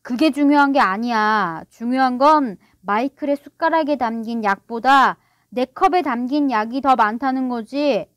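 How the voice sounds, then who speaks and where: A woman's voice: a little high, animated, moderate pace, dry recording, studio quality, natural voice. A woman voicing a proud, sulky middle-aged father who blusters and gets defensive. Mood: indignant.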